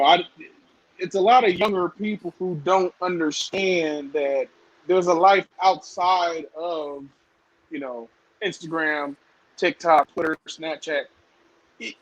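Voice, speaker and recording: A man's voice: high-pitched, measured pace, poor audio. A man in his thirties from the southern United States, chatting loosely as a podcast guest with lots of fillers. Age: 30s. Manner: rambling, lots of fillers, laughs often. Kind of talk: casual podcast chat.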